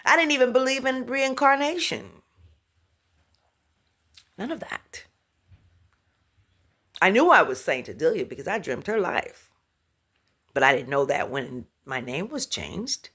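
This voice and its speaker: With a medium-pitched, sing-song, fairly bright voice, she talks at a measured pace and pauses often. It's a casual spiritual talk for her viewers, punctuated by laughter, humming and scatting between thoughts, restarted or repeated words, and pet names for listeners.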